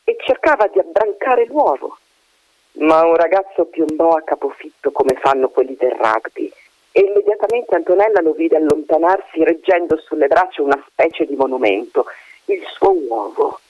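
A man reading a story aloud in an animated way, putting on voices for the characters. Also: fairly high pitch, normal speed, dry recording. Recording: dull dry recording.

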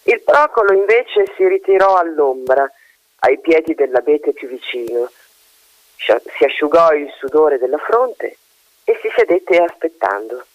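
A man narrating a novel in a measured, expressive storytelling manner. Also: fairly high pitch, no room sound, dull audio.

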